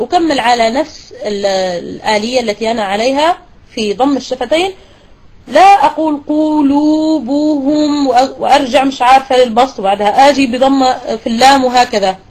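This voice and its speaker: A woman teaching a tajweed lesson to women students, explaining step by step and slowly repeating words to demonstrate pronunciation. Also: high-pitched, darkish tone, low-quality recording. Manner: praises and questions students. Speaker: Quran recitation teacher.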